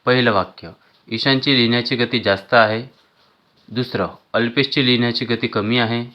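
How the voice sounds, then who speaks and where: A man teaching, reading textbook exercise questions and their answers aloud in a measured, item-by-item way. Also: mid-range voice, fairly even intonation, dull audio. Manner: measured, listing answers one by one.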